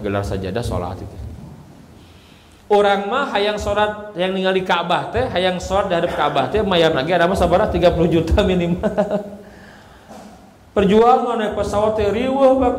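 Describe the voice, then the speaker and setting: A man gives an Islamic sermon. He speaks in a lively storytelling way and often turns to address the men listening. His fairly high voice rings around a roomy hall with a long echo. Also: a little hiss or hum. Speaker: preacher. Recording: echoey hall with long reverb.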